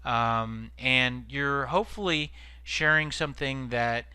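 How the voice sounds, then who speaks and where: A man's voice: medium pitch, slow pace, bright, forceful tone, smooth, no room sound. A man giving an informal instructional presentation as a sales trainer, explaining examples step by step.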